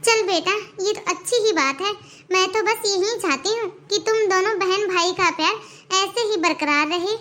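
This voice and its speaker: A woman voicing a caring middle-aged mother-in-law in a cartoon, who gives gentle advice. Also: very high voice. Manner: gentle, advising. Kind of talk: Hindi cartoon voice acting.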